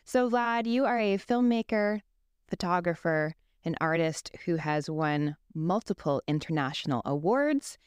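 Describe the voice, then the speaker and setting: A woman hosting a podcast interview, asking her questions in an unhurried, deliberate way. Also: fairly low pitch, darkish tone, clear, resonant tone, no room sound, clean studio sound. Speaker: podcast host. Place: studio.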